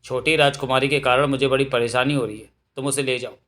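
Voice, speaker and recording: A man voicing a calm, assured bandit who gives orders in a storybook reading. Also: mid-range voice, fairly quick, natural voice. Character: calm commanding royal bandit, adult man.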